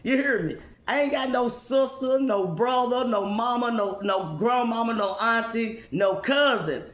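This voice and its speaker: A woman's voice: a little high, a little slow. Woman, informal motivational testimony, emphatic repetition, rhetorical questions, echoey room recording. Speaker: spiritual speaker addressing followers.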